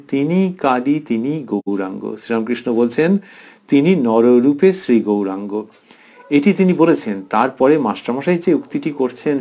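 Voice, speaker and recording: A middle-aged man giving a devotional lecture, reading quoted passages aloud and explaining them slowly and earnestly. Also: medium pitch, mellow. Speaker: spiritual lecturer. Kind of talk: devotional scripture commentary.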